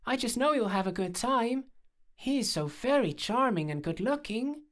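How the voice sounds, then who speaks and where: A man voicing a puppy as a high, pleading little child in a storybook reading. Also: expressive, moderate pace, a bit bright. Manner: squeaky, wheedling, childish.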